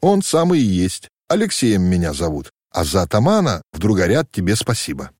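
A man voicing an earnest, proud orphaned young prince who speaks gently but firmly in a storybook reading. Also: deep voice, wildly swooping pitch, brisk, no echo, studio quality, heavily acted. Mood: fervent. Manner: earnest, gentle yet firm.

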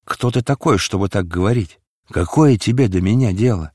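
A man's voice: rumbling low, a little slow, creaky, husky, no room sound, studio quality, voice pushed down, exaggerated voice. A man voicing a despairing, bitter male figure who speaks gloomily. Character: despairing, angry young man, bitter and lovesick.

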